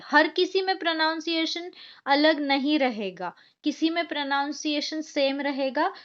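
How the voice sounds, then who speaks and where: Slow, high-voiced Indian woman tutor. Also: fairly bright tone, highs cut off. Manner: slow, patient teaching with spelled-out examples. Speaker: English grammar tutor. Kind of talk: explaining a grammar lesson.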